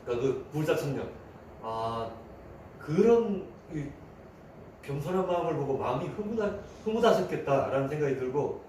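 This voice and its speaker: A man's voice: fairly high pitch, expressive, normal speed, a little mellow, distant mic, slight background noise. Preaching man in an echoey church. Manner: conversational preaching, acting out quoted voices. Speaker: pastor. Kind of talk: sermon. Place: church sanctuary. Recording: echoey room, voice from afar.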